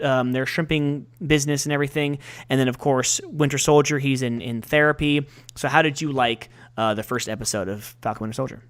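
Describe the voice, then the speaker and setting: A man co-hosting a comics podcast, talking in a loose, excitable, rambling way. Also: a little high. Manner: excitable, rambling, quotes movie lines in put-on voices. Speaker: podcast co-host. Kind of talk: casual chat about comics and movies.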